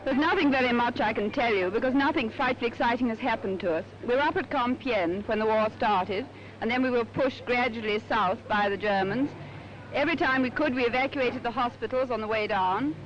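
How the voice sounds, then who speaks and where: A woman's voice: a little high, a little hiss or hum. A woman with an upper-class British Received Pronunciation accent giving a short, understated, matter-of-fact personal account for a 1940s newsreel. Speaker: ambulance driver interviewee. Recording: dull lo-fi 1940s newsreel sound.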